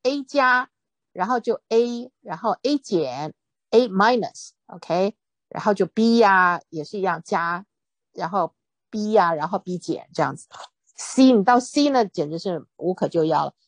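A woman's voice: medium pitch, animated, measured pace, no echo. Woman explaining English phrases in Mandarin. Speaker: English teacher. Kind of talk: Mandarin-language English reading lesson.

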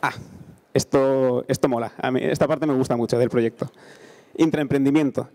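A man in his thirties with an accent from Spain, an engineer, presents a startup accelerator on a conference stage, speaking into a handheld mic. His mid-range, dark-toned voice stays fairly even at a normal speed. The talk is informal and conversational, dotted with frequent check-in tags.

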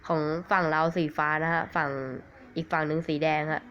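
A man with a cold giving rambling, excitable commentary on a mobile game, swearing at it now and then. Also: a little high, fairly quick. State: has a cold. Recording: dull lo-fi recording with faint hiss.

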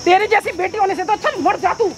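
Woman as an indignant middle-aged mom, very high voice, scolding. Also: quick pace, background noise. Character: outraged middle-aged mother scolding her daughter. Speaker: mother. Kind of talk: staged confrontation skit.

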